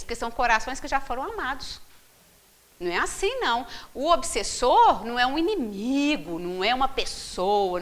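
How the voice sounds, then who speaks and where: A woman leading a book study group, animated and constantly checking in with her listeners through rhetorical questions. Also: high-pitched. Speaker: spiritist study group leader.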